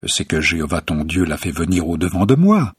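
A man's voice: low-pitched, big pitch swings, fairly quick, breathy edge, no echo, studio quality, exaggerated voice. A man voicing an anxious younger son, speaking earnestly.

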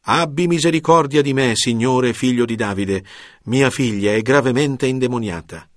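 A man's voice: mid-range voice, moderate pace, dry recording, lightly acted. A man reading the lines of a pleading foreign mother in an earnest scripture reading.

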